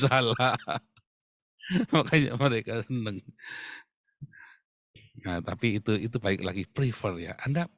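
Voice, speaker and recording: A man's voice: medium pitch, dry recording, clean studio sound. A man preaching a sermon, often addressing the listeners directly and laughing as he talks. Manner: addresses the congregation as "Saudara" often, with humor and laughs. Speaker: pastor.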